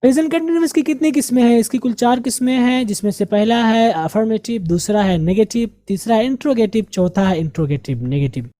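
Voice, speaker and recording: Woman teacher drilling English words slowly. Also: a little high, dark tone, dry recording. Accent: Indian Urdu-speaking. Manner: slow, drilling pronunciation and repeating words. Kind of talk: grammar and vocabulary lesson.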